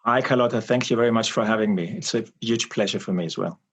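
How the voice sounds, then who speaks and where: A man in his forties, from Austria, answering interview questions about his marketing work in a measured, explanatory way with frequent pauses. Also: lowish voice, a bit bright, husky. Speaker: guest, marketing expert. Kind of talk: interview conversation.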